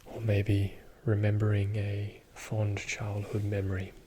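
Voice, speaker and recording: Slow, soft-spoken man giving whispered ASMR pep talk. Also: fairly low pitch, completely flat delivery, slight background noise. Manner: soothing, reassuring, slow and deliberate with pauses. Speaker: ASMR video host.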